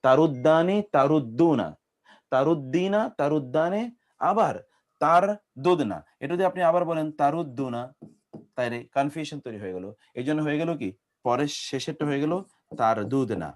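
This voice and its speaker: His voice fairly high and his speed normal, a Bangladeshi-accented man runs an Arabic grammar lecture in a classroom. He works through conjugation drills syllable by syllable and tests the class with quiz questions.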